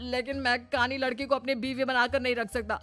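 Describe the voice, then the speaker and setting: A woman's voice: high-pitched, little pitch movement, a little fast, bright, forceful tone, soft background music. A woman voicing a whiny young groom in a cartoon story who feels cheated. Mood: outraged. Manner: whiny, outraged. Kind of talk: cartoon voice acting.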